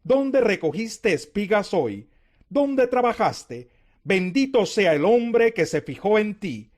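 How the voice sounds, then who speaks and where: A man's voice: high-pitched, sing-song, takes it slowly, a little mellow, full character voice. A man voicing a caring older mother-in-law who gives motherly guidance in scripted scripture dialogue. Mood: grateful wonder. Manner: motherly, advising.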